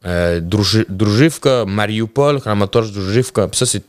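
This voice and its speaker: Talking in a fairly low voice at normal speed, this Quebec-accented man in his thirties, a pro hockey player, recounts his story on a podcast. He is animated, often restarting and dropping in English words, and the sound from the boom-mounted mic in the bookshelf-lined studio is dry and clean.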